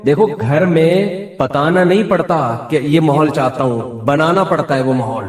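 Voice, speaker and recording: A man's voice: fairly high pitch, recorded from a distance. A man with a Pakistani Urdu accent delivering an Islamic sermon, asking his audience questions, answering them himself and acting out the voices of people he quotes. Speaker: preacher. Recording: echoey hall, voice from afar.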